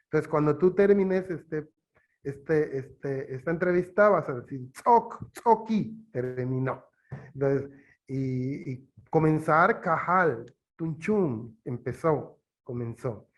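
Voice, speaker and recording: Slow, halting man teaching. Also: fairly high pitch. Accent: Yucatán Spanish. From Yucatán, Mexico. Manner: slow, halting, with many fillers. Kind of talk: explaining in an interview.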